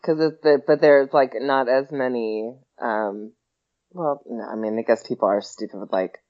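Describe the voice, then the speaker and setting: A man's voice: mid-range voice, moderate pace. A man co-hosting a podcast in casual sports banter. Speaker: podcast co-host. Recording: dull lo-fi podcast audio.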